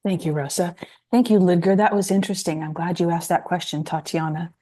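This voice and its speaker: A woman with a lowish, warm, mellow voice shares her impressions over a video call. She sounds appreciative and softly enthusiastic as she talks to the group. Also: fairly quick. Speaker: group participant. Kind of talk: casual group sharing.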